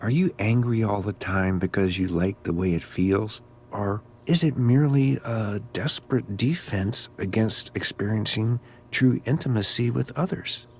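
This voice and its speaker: A man playing a creepy, cryptic, gently philosophical school groundskeeper in a video game, with a slow, ominous drawl. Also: fairly low pitch, slight background noise. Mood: cryptic, probing. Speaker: groundskeeper character.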